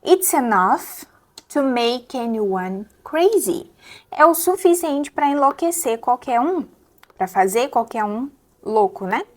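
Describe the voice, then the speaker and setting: A young adult woman with a Brazilian Portuguese accent, teaching English pronunciation step by step and repeating words slowly to model them. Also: fairly high pitch, expressive, darkish tone. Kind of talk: pronunciation lesson.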